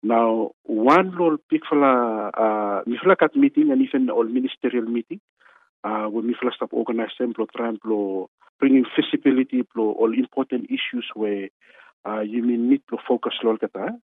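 A man with a Melanesian accent giving halting interview answers in Solomon Islands Pidgin mixed with English, drawing out and repeating words. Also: medium pitch, dry recording. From Pacific Islands. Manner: halting, with drawn-out words and repetition. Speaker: interviewee, regional meteorology official. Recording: tinny phone-like radio line.

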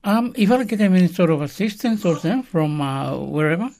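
Gravelly Solomon Islands Pidgin newsreader, a man. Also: high-pitched, animated, a little fast, darkish tone. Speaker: radio news presenter and interviewer. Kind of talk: news reading and interviewing in Solomon Islands Pijin.

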